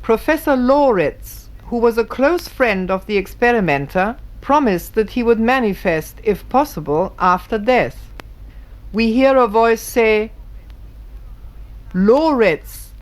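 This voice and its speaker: A woman's voice: fairly high pitch, animated, unhurried. A woman giving formal, scripted narration, reading carefully and precisely.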